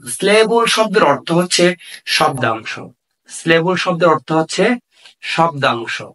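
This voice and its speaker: A man with a Bangladeshi Bengali accent teaching an English grammar lesson, repeating key phrases slowly with fillers. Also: fairly high pitch, a bit bright.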